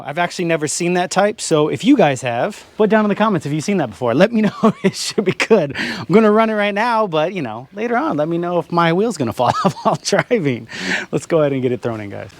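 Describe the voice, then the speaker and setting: A man's voice: on the high side, animated, brisk. Chatty man narrating garage repairs. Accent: Californian English. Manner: chatty, laughs often, calls viewers guys. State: out of breath. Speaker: garage vlogger. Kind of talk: casual how-to narration. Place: home garage.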